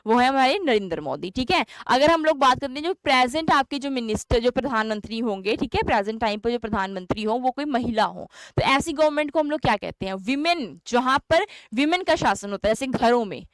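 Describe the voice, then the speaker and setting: A woman's voice: a little high, animated, fairly quick, few pauses, no room sound. A young Indian woman teaching an English exam-prep lesson, chatty, often asking questions and answering them herself. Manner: chatty, asks and answers her own questions.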